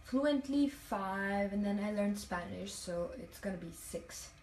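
A young woman from Italian-speaking Switzerland, a native Italian speaker, hosts a casual livestream from a hotel bathroom floor, reading comments aloud with plenty of fillers. Her mid-range voice is animated and darkish at a measured pace, with a little hiss or hum. She holds her phone at arm's length toward a mirror, so the distant mic picks up the echo of the tiled room.

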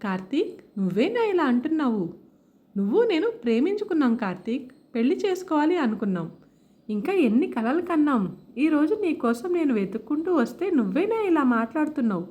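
A woman's voice: on the high side, big pitch swings, normal speed, dark tone, highs cut off. A woman voicing a heartbroken young woman who cries and begs her former lover to listen in a storybook tale. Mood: tearful pleading. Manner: pleading, begging. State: crying.

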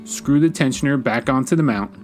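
Calm man narrating a how-to. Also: medium pitch. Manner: calm, instructional, measured. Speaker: woodworking channel host. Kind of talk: step-by-step how-to voice-over. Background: faint guitar music.

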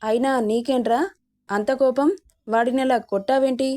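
A woman's voice: on the high side, steady tone, normal speed, dark tone, lightly acted. A woman voicing a stern middle-aged man, a son and a father, who scolds and warns. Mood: scolding.

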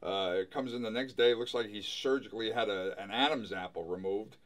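A man playing a coworker, speaking slowly and hesitantly with a worried tone in a mockumentary interview. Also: fairly low pitch, fairly bright tone, lightly acted.

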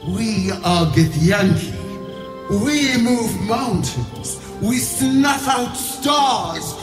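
A wrathful undead queen from a fantasy video game. Her grandiose commands swoop widely in pitch and ring with echo over music. She is menacing and imperious. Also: animated, very slow. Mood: grandly commanding. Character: imperious, wrathful undying lich queen in ghostly form. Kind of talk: dramatic video game acting.

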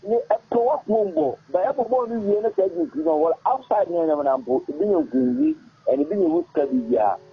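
Husky and lively with an extremely high pitch, this Ghanaian man is a former footballer guesting on a casual radio interview. He speaks haltingly and repetitively into an arm-mounted studio mic, changing languages mid-sentence. The recording is muffled and sounds like a phone.

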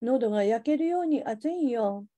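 女性が演じる 広島弁の弱々しい火傷の少女. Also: female voice, fairly high pitch, lively intonation, normal speed, warm tone, natural voice. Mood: weak plaintive. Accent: Hiroshima dialect. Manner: weak, plaintive childlike pleading. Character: badly burned little sister, young girl, pleading.

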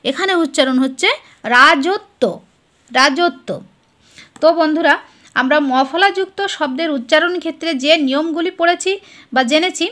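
Bright, high-voiced woman teaching a lesson. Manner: explains step by step, asks and answers her own questions. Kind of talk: spelling lesson at a board.

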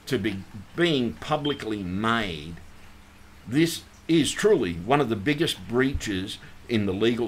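A man's voice: fairly low pitch, a bit bright, a little hiss or hum. A man rambling through a casual livestream, repeating himself and apologizing as he talks over his screen. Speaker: channel host.

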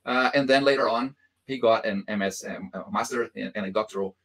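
A man in his fifties, hosting and introducing a guest speaker over a video call, halting with many pauses. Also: fairly low pitch, fairly bright tone. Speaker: host, moderator. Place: home office, indoors.

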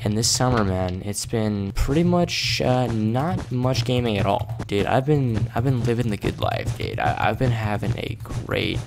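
An eighteen-year-old man quietly commentating a game late at night in his bedroom, calling viewers "boys" and "dude". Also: on the low side, big pitch swings, a little slow, creaky, hardly any pauses, music in the background. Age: 18, young adult. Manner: hushed and casual, calls viewers "boys" and "dude". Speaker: gaming YouTuber. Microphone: desk microphone turned up.

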